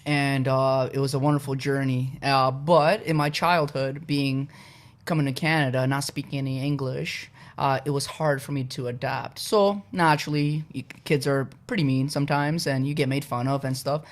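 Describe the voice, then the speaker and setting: A young Polish man appears as a podcast guest, casually and relaxedly recounting his personal story with plenty of "uh" and "you know." His voice is mid-range and his pace moderate.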